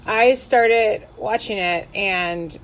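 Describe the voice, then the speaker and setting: A woman's voice: mid-range voice, drawn-out words. A woman co-hosting a podcast, bubbly and talkative, laughing and trailing off mid-thought. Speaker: podcast co-host. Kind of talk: casual chat.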